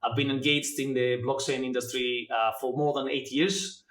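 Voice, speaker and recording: A man in his forties, originally from Greece, explaining his work as a guest, with many filler pauses between thoughts. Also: medium pitch, flat delivery, a bit bright. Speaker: guest, blockchain educator. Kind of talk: interview answers. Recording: echoey room.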